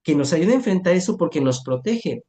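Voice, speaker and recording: A school counselor talks in a calm, soft-spoken way and often adds small tag questions. The voice is dark and mellow, and the speech is unhurried. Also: mid-range voice. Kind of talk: calm explanatory talk and storytelling.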